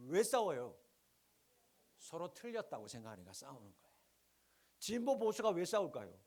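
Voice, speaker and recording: A middle-aged male pastor from the Gyeongsang region, preaching with rhetorical questions and sharp swings between loud and hushed lines. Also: fairly high pitch, wildly swooping pitch, moderate pace. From Gyeongsang region, Korea. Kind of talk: sermon.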